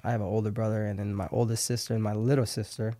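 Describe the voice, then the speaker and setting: A Haitian man in his thirties chats easily as a podcast guest in a casual interview, laughing often and restarting his sentences. His lowish voice is mellow and level, moving at a quick pace, in a dry recording.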